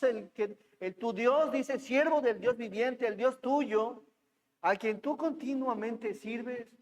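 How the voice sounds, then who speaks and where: A man voicing a grieving ancient king who calls out in sorrow, slow and hushed. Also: very high voice. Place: church hall. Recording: long hall reverb.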